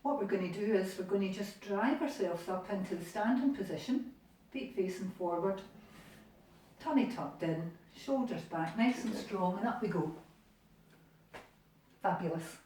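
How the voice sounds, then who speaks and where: A Scottish woman guides a home exercise class in an encouraging, chatty way. Her voice is soft and mellow, heard from a distance in a very echoey room. A faint hiss sits under the recording. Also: medium pitch, animated, measured pace, long pauses. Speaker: exercise instructor. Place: living room.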